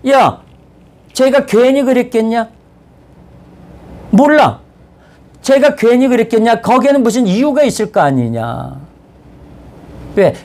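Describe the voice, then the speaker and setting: A male pastor delivers a sermon in an easy, talky manner. His voice is notably high for a man. He slips into the characters of the story as he tells it. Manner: conversational preaching that acts out the story's dialogue.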